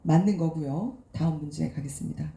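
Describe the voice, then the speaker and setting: Lady running a screening q&a, quick and friendly, lowish mellow voice. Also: reverberant. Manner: brisk, friendly, laughs lightly between questions. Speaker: event moderator. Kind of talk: moderating a post-screening talk. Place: event hall.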